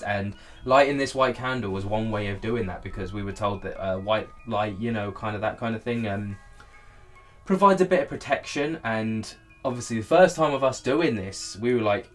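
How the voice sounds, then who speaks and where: A man's voice: on the low side, moderate pace, faint music behind. A man giving casual, candid commentary as he looks back on his own video, poking fun at himself. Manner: self-deprecating, candid.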